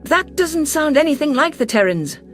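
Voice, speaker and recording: Against soft background music, a woman plays a defiant alien ambassador who is fiercely protective, telling her story through first-person narration and dialogue in a science fiction audio drama. Her high, fairly bright voice swings widely in pitch at a normal speed, earnest and assertive.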